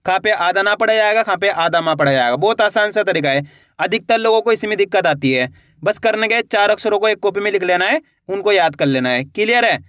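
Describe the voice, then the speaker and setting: A man teaching beginners to read, drawing out each word slowly and speeding up when he explains. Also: high-pitched, expressive, a bit bright, no echo, studio quality. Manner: slow drawn-out word reading, faster when explaining; addresses viewers as friends, coaxing. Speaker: Hindi reading teacher. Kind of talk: phonics reading lesson.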